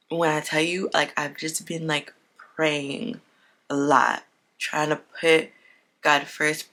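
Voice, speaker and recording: A woman's voice: low-pitched, sharp tone. A woman in her twenties hosting a podcast, talking through her week in a chatty, earnest, unscripted way with lots of "like". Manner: chatty and earnest, leans heavily on "like". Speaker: podcast host. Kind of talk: unscripted casual chat.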